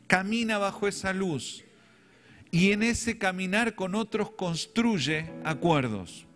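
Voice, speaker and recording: A man's voice: fairly high pitch, a bit bright. A middle-aged man with a Rioplatense Spanish accent, preaching a sermon as a pastor and telling stories with self-deprecating humor.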